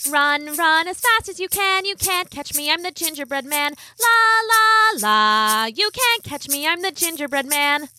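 A cheeky little gingerbread man, as a woman puts him on, chanting his taunts in a high, bright, sing-song voice. He sounds gleeful and bouncy, a storybook runaway who can't be caught. The voice is dry and close. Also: lively intonation, moderate pace, no echo, faint music behind. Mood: taunting, sing-song.

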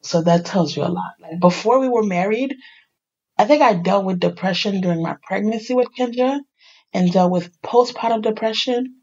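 A middle-aged woman telling her life story in a candid, animated conversation, acting out the people she quotes. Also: medium pitch, normal speed, lo-fi sound. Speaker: podcast host sharing her life story.

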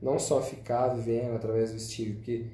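A man's voice: medium pitch, little pitch movement, fairly quick, warm tone, slight background noise. A man casually recapping and explaining a film's plot on a podcast. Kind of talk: casual film discussion. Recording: echoey room.

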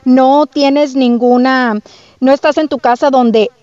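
A woman lawyer guest explains legal points in casual chat and drops English terms in as she goes. Her voice sits fairly high and sounds dry, with a slightly dull, muffled recording. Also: steady tone, slow, darkish tone, no echo.

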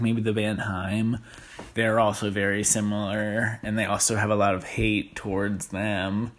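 A man's voice: on the low side, slight background noise. A man hosting a casual music monologue, rambling with lots of fillers and restarts. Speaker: music podcast host.

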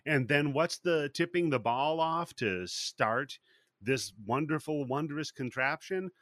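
Guy hosting a movie podcast, bright voice, dry close mic, swears a lot, from washington state. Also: fairly high pitch, unhurried, no room sound. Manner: profane, animated storytelling. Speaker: podcast host. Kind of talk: casual chat.

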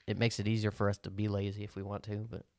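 A man's voice: fairly low pitch, completely flat delivery, fast, darkish tone, no room sound. Male podcast host, hillbilly accent, crude joking casual talk, close dry recording. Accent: rural American hillbilly. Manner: crude, joking, sweary banter. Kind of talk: casual chat.

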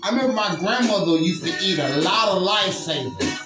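A man swaps crude, joking stories in a loose podcast chat, his voice landing in a roomy, echoing space. Music plays clearly underneath him, and he keeps checking in with his listener. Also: high-pitched, animated, brisk, distant mic. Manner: crude, joking, keeps asking "you know what I mean?". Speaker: podcast host. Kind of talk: casual storytelling chat. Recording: roomy echo with music behind.

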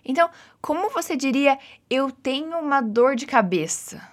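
Brazilian-accented woman English teacher; patient, encouraging, animated pitch. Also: moderate pace. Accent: Brazilian Portuguese. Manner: patient, encouraging, drills repeats. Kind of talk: guided language lesson.

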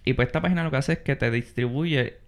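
A young man hosts a casual advice podcast, talking quickly in a mid-range voice. He often restarts his words and mixes English terms into his speech.

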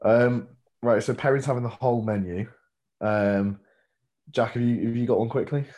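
A man's voice: medium pitch, steady tone, normal speed, darkish tone. A man hosting a podcast, asking the questions and teasing his friends in an upbeat, casual way. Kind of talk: casual chat.

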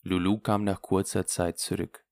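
A man narrating a literary audiobook in a measured, storytelling way. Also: low-pitched, little pitch movement, a little mellow, dry recording, studio quality.

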